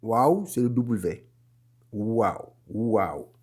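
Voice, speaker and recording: Slow, patient male recitation teacher. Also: fairly low pitch, expressive, a little mellow, husky. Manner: patient, repeats each letter sound slowly. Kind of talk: slow online lesson.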